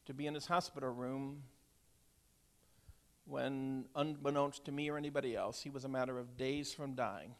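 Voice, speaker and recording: Gravelly older man preaching a testimony. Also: medium pitch, fairly even intonation, moderate pace. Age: 60s. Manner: heartfelt, storytelling, swings from hushed to loud. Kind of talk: emotional sermon testimony.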